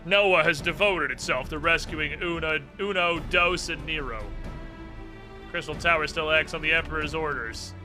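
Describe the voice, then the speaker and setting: A game streamer with a slightly high voice delivers casual commentary at normal speed, sarcastic, mock-dramatic, and profane. Game music plays in the background.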